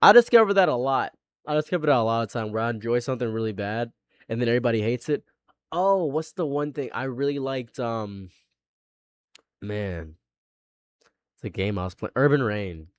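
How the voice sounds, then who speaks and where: A man's voice: mid-range voice, expressive, normal speed, long pauses, clear, resonant tone, no echo. Man in his late twenties, dry close sound. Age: late 20s. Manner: rambling and repetitive, laughing often. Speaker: live streamer. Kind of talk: casual live-stream chat.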